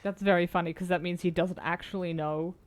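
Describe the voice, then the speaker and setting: A woman's voice: on the low side, steady tone, no echo. A woman streaming a video game and chatting casually, sardonic and joking, with plenty of swearing. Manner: sardonic, swears, quick jokes. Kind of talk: casual gameplay chat.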